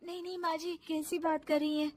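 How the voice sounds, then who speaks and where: A woman voicing a meek, cheerful young daughter-in-law in an animated story, with a pleading, excitable way of speaking. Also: very high-pitched, brisk, voice pushed up. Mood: defiant.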